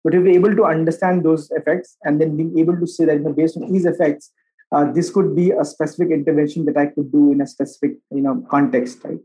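A man's voice: a little high, steady tone, fast, mellow, breathy edge, low-quality recording. A man with a North Indian accent giving conversational, explanatory interview answers and often tagging his points with "right?". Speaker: interview guest, social entrepreneur and designer.

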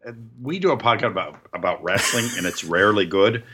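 A man's voice: lowish voice, animated, fast talker, a bit bright, a little hiss or hum. A man co-hosting a podcast in casual chat, rambling through absurd joking tangents. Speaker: podcast co-host.

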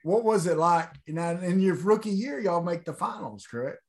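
A man's voice: high voice, lively intonation, normal speed, darkish tone. A man hosting a casual sports interview, talking like an enthusiastic fan. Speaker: interview host.

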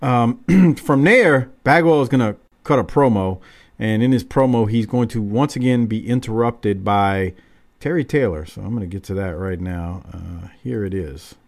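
A man's voice: fairly low pitch, normal speed. A man hosting a podcast, chatting casually and bluntly through a wrestling recap with some swearing. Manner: profane, blunt. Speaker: podcast host.

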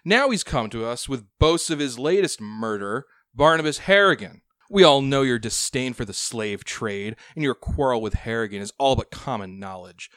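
A man's voice: medium pitch, expressive, moderate pace, hardly any pauses, fairly bright tone, dry recording, studio quality, pitched above the performer's own voice, lightly acted. A man voicing an oily, accusing pirate lord with an insinuating blackmailer's purr in a tabletop game. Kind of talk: tabletop role-play.

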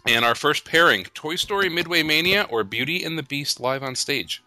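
A man's voice: on the high side, expressive, normal speed, bright, forceful tone, no echo, soft background music. A man hosting a podcast, chatting casually as he leads a ranking game. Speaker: podcast host.

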